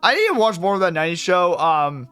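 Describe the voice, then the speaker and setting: A man's voice: high voice, big pitch swings, quick pace, a bit bright, smooth, no room sound, soft background music. A young man streaming live, chatting casually with viewers in a rambling way, cursing freely and laughing often.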